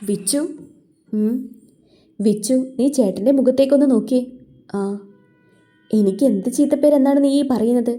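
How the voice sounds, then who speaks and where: A woman voicing a gentle, caring elder brother and husband who speaks softly and soothingly. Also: very high voice, moderate pace, pauses often. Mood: earnest.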